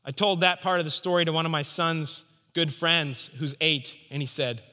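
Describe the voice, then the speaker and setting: A man's voice: fairly high pitch, normal speed, sharp tone, long reverb tail. A man preaching a sermon, emphatic and rising and falling for stress. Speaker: pastor.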